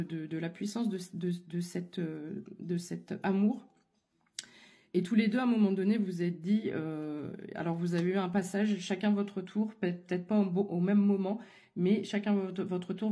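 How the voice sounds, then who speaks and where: Husky-voiced woman giving a tarot reading. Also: fairly low pitch, dark tone. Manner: hesitant, many fillers and restarts, addresses listener directly. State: voice not fully recovered from illness. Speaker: tarot card reader. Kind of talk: casual spoken tarot reading.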